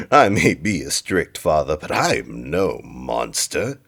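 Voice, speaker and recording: A man's voice: rumbling low, very animated, gravelly, fairly bright tone, slightly rough, full character voice. An actor playing a stern, commanding king who hands down decrees in a fantasy audio drama. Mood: condescending. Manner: commanding, measured royal decrees. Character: stern imperious middle-aged king and father.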